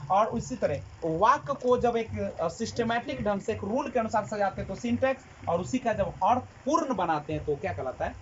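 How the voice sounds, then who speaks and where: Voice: mid-range voice, animated, normal speed, few pauses, dull audio, slight background noise. A teacher giving a classroom lecture who asks the class questions, answers them himself and repeats key terms.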